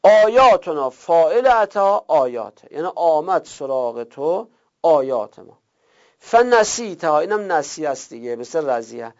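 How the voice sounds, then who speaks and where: A man teaching a Quranic Arabic grammar lesson, drilling verb forms slowly one by one. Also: fairly high pitch, sing-song, a little mellow. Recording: gravelly, dull lo-fi recording.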